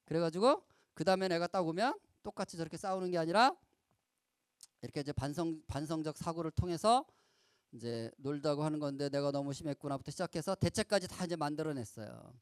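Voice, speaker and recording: A middle-aged man giving a lively storytelling lecture to children at a camp, acting out quoted lines and asking the audience questions. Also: fairly high pitch, a little fast, clean tone, dry recording. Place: lecture hall at a youth camp.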